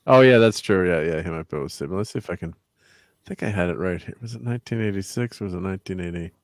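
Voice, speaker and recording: A man hosting a casual live-stream chat in a relaxed, filler-heavy way. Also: deep voice, quick pace, dry recording, studio quality. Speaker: host.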